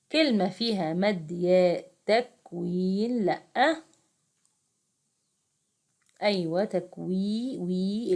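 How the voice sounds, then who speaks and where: Young egyptian woman tutoring little kids, chatty and coaxing, keeps restarting and calling on them. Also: medium pitch. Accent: Egyptian Arabic. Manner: chatty, coaxing, addresses pupils directly, frequent restarts. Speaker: private tutor teaching second graders. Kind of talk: casual classroom explanation.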